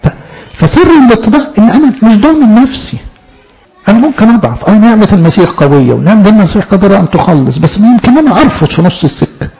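Brief: male Egyptian preacher, high husky voice, dull lo-fi sermon recording. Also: very animated, very fast, mellow. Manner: rhetorical questions, voices the soul's own words. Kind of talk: sermon on scripture.

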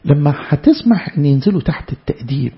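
A man's voice: fairly high pitch, big pitch swings, fast, creaky. A man with an Egyptian Arabic accent, teaching a Bible sermon in a conversational way, asking rhetorical questions. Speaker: preacher. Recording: dull lo-fi recording.

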